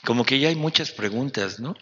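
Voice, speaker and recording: A man's voice: mid-range voice, animated, fairly quick, bright, forceful tone. A man preaching at a retreat in a conversational, joking way, often quizzing his listeners. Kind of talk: sermon. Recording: dull recording in a reverberant hall.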